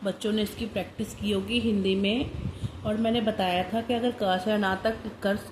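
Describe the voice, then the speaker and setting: A woman primary teacher giving an instructional lesson to parents and children, drilling letters one by one in a slow, deliberate way. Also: mid-range voice, steady tone. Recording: noisy background hiss.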